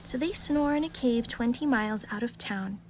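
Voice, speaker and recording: A woman reads a rhyming children's bedtime story aloud in a calm, gentle, expressive storytelling way. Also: a little high, normal speed, a little hiss or hum.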